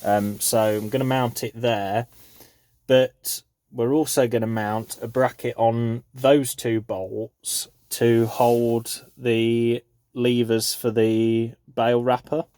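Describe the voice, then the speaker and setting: Recorded dry, a medium-pitched, mellow male voice explains a hands-on DIY installation. The speaker is a farm vlogger in a relaxed how-to video captured on a handheld phone, keeping his explanation casual and matter-of-fact.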